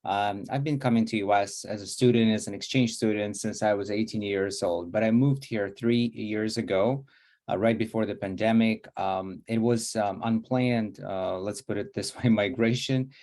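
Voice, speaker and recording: A man's voice: lowish voice, fairly even intonation, normal speed, a little mellow. A young man from Moldova, introducing himself on a panel with frequent hesitations. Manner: hesitant, many fillers.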